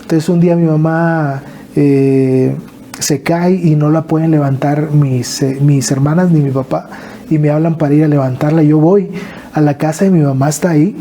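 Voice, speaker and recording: A man's voice: fairly high pitch, steady tone, mellow. Earnest northern Mexican man telling a story. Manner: earnest, halting, with repeated restarts. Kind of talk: emotional personal storytelling.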